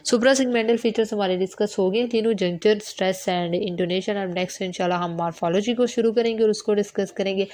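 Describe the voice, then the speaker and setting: A woman giving a video lecture as a teacher, explaining step by step and mixing English terms into her Hindi-Urdu. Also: darkish tone. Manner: draws out example sentences slowly to show pitch.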